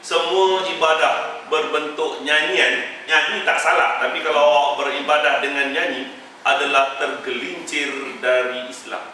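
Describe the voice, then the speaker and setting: A man with a Malaysian Malay accent giving a lively Quran commentary class as a religious teacher, teasing and mimicking as he explains. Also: on the high side, measured pace, a little hiss or hum. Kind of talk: Quran tafsir class lecture. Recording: very echoey room, mic far off.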